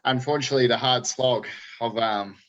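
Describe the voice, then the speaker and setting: A man's voice: mid-range voice, fairly even intonation, a little fast, fairly bright tone, highs cut off. A man, coaching a group in casual, laid-back chat full of matey slang. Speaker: fitness coach hosting a group check-in.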